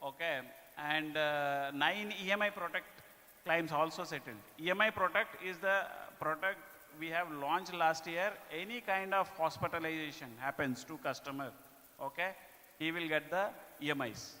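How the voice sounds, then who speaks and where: A man with an Indian accent presents company results to staff in a very bright, forceful, sharp voice that sits rather high. His delivery is halting, with frequent check-in tags. The sound rings with the long reverb of a hall. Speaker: business presenter. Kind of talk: corporate performance presentation to staff.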